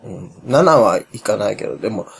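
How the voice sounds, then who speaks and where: A man co-hosting a casual late-night chat show, relaxed, laughing often, his voice climbing higher as he gets excited. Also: brisk, vocal fry, husky. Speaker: podcast co-host.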